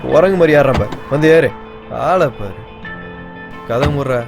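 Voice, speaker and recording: A gruff, boozing driver. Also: male voice, a little high, expressive, normal speed. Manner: gruff, scolding. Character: rough male driver, drinking, mocking. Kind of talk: dubbed film dialogue. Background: film score music.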